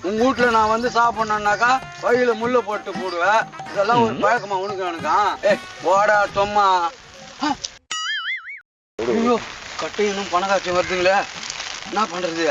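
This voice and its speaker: A man acting a scheming father in a village comedy sketch, teasing and bantering with quick comebacks. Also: high voice, steady tone, over loud music.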